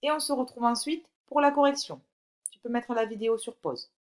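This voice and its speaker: A woman teaching a recorded phonics lesson to young children, reading words slowly and clearly and encouraging the child directly. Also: a little high. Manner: slow, clear, drawn-out word by word reading. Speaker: primary school teacher.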